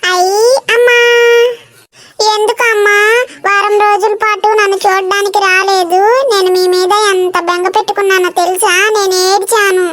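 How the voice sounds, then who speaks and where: A woman's voice: extremely high pitch, little pitch movement, normal speed, a bit bright. A woman voicing a young, homesick hostel schoolgirl in a cartoon, pleading and a little whiny. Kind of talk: cartoon voice acting.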